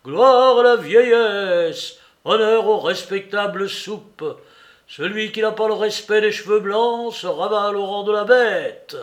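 A man voicing a solemn, grandiloquent male clerk in an audiobook, declaiming loudly in mock tribute. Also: high voice, measured pace, pitched above the performer's own voice. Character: solemn, bombastic male clerk shouting through a wall.

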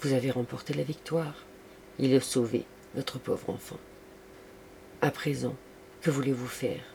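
Guy reading as a calm caring friend, earnest, medium pitch, faint hiss. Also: unhurried, creaky. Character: thoughtful, caring older male friend. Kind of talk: audiobook reading.

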